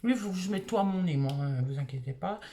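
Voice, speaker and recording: A woman's voice: fairly low pitch, expressive, quick pace, mellow. A married woman from France, casually reviewing beauty products she bought and thinking aloud with lots of fillers. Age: adult, married. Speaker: beauty vlogger.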